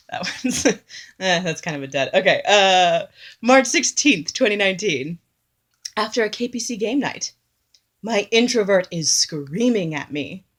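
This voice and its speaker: A woman's voice: mid-range voice, animated, measured pace, pauses often, fairly bright tone. A woman performing a comic bit, reading dated entries from a joke diary in a chatty, giggly way. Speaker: comedy performer.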